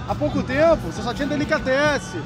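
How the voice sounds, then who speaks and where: High-pitched carioca man, loud festival behind. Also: fast talker. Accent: Rio de Janeiro (carioca). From Rio de Janeiro, Brazil. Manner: slangy, informal. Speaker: beer sommelier, interview guest. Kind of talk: casual interview chat. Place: large indoor festival hall beside stacked kegs. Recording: loud music and crowd noise behind.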